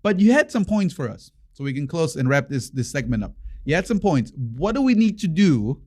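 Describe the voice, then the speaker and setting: A man with a non-native English accent, co-hosting a casual podcast chat as a parent, joking and animated with frequent restarts. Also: a little high, brisk. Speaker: podcast co-host.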